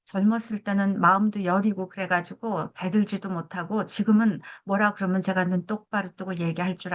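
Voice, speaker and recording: A woman in her seventies, a family therapy professor, lecturing in a conversational way and telling a story from her own marriage. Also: medium pitch. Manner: conversational, asks listeners for agreement.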